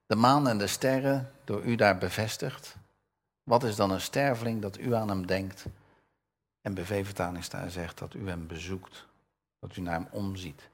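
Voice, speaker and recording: Husky older man preaching a sermon. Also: sits low, fairly even intonation, normal speed. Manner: conversational, asks the audience questions; reads scripture with raised voice.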